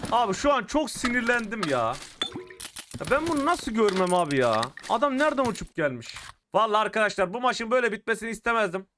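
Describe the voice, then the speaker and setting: A young man commentating his mobile shooter game, getting frustrated and shouting at opponents. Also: high voice, fast, a little hiss or hum. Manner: excitable, frustrated outbursts while playing. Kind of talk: live gameplay commentary. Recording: clear game gunfire behind the voice. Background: shooter game gunfire and clicks.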